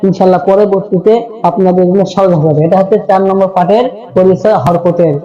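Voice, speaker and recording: A man teaching a Quran reading lesson, chanting the letter drills slowly and explaining each step patiently, with many repeats. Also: high-pitched, fairly even intonation, dark tone, lo-fi sound. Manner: explains steps patiently, repeating key terms.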